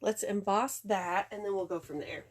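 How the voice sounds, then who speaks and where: A woman's voice: mid-range voice, normal speed, a little hiss or hum. A congested woman chatting casually through a craft tutorial, talking through each step as she works. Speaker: card-making demonstrator.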